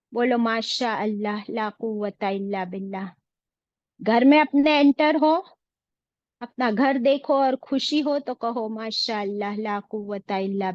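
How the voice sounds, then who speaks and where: A woman's voice: high-pitched, darkish tone, dry recording, highs cut off. A woman teaching an online religious class, asking her students questions and mixing in English phrases. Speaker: Quran teacher.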